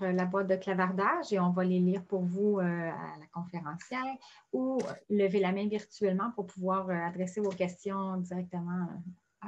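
A woman's voice: mid-range voice, a little mellow, lo-fi sound. A woman moderating a webinar, politely introducing questions over a video call. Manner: polite, formal announcing. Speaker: seminar moderator.

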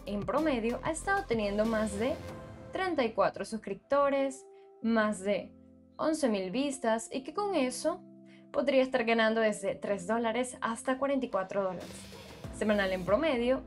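A woman hosting her own channel, narrating a screen-recorded tutorial and calmly walking viewers through numbers step by step. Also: a little high. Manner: steady, explanatory, walks through numbers step by step. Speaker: YouTube channel host.

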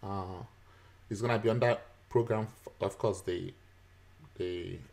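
Teacher, male, somewhat low voice, patient step-by-step tutorial delivery, chuckles and "uh" fillers. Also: steady tone, unhurried, gravelly, a little mellow. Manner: chuckles often, frequent "uh" fillers. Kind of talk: screen-recorded software tutorial.

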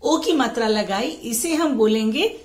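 A woman with a high voice teaches young children, reciting rhymes and asking questions she answers herself. She talks slowly and patiently and. The room gives her voice a clear echo. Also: lively intonation. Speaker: primary school teacher. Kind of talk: teaching children Hindi matras and reciting poems.

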